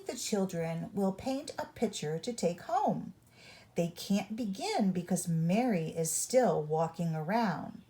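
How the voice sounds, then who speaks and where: A fairly low-pitched woman with a darkish tone tells a picture-book story for young children, with careful, teaching-style read-along delivery.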